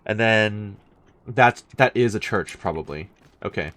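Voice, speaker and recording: A man's voice: fairly low pitch, unhurried, fairly bright tone. A man commentating casually as he plays a game, thinking aloud in a dry way. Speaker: gaming let's-player.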